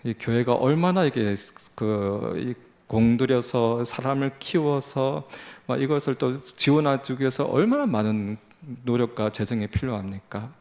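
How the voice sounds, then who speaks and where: A man's voice: mid-range voice, lively intonation, moderate pace, few pauses, darkish tone. A man in his forties with a Busan accent, a lay missionary preaching in church, telling his story in a folksy, self-deprecating way with many fillers and restarts. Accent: Gyeongsang (Busan). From Busan, South Korea. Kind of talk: sermon, conversational testimony. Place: church sanctuary.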